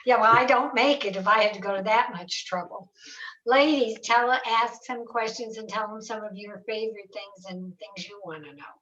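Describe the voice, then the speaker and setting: A woman's voice: mid-range voice, normal speed, fairly bright tone, muffled recording. A woman hosting a chatty, friendly interview. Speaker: host. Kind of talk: casual interview talk.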